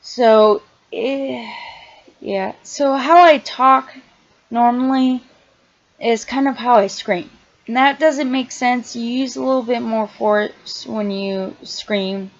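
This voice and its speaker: A young woman casually explaining her screaming technique in a halting, quiet way, with many fillers and restarts. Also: fairly high pitch, muffled recording. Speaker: vlogger. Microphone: iPad held close.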